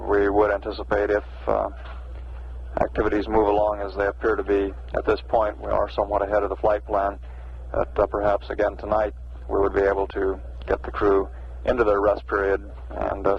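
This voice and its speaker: Male American space mission announcer, gravelly and even, measured hesitant delivery, muffled vintage broadcast recording. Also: fairly low pitch. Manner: measured, hesitant, matter-of-fact. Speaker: mission control public affairs announcer. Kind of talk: live spaceflight status commentary. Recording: noisy band-limited 1960s mission radio archive.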